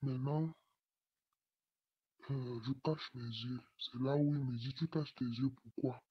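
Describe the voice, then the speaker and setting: A young man in his late teens, his voice altered by a voice changer, reading a personal testimony in a halting way. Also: medium pitch, slightly rough, dry recording, dull audio. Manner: slow, flat, halting delivery. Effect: voice changer disguising the voice.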